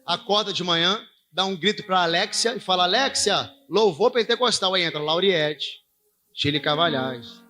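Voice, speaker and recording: A man's voice: sits high, moderate pace, pushed and bright. A married man preaching a sermon, telling a story to his congregation in a conversational way and calling listeners brother and pastor. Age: adult, married father.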